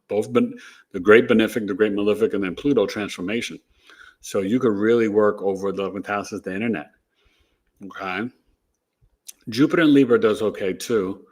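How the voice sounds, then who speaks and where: A man hosting an astrology livestream, chatting casually and telling animated stories with frequent laughter. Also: on the low side. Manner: animated storyteller, laughs often.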